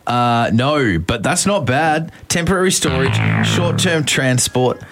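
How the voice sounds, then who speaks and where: A man's voice: medium pitch, animated, unhurried. A man bantering playfully and casually as a breakfast radio host. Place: radio studio. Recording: music behind studio radio talk.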